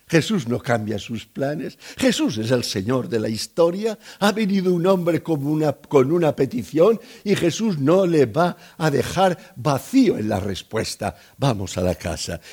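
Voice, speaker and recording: Spanish pastor preaching, husky voice, acts out the story, pitch all over the place. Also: male voice. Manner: animated, acts out scenes with voices. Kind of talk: sermon.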